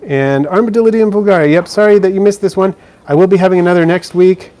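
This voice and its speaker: Speaking quickly in a high, darkish voice, a man responds to viewer questions during a live stream, with faint noise in the background. He's relaxed and chatty, restarting often and using plenty of fillers, while filming indoors beside a frog terrarium.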